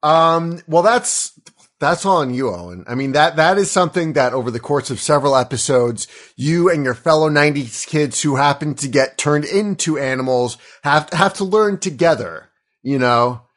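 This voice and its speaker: A man's voice: fairly high pitch, lively intonation, normal speed, fairly bright tone. A man in his thirties hosting a comedy chat, rambling and often stopping to correct himself and apologize. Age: 30s. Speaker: host running the question game. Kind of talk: casual comedy podcast chat.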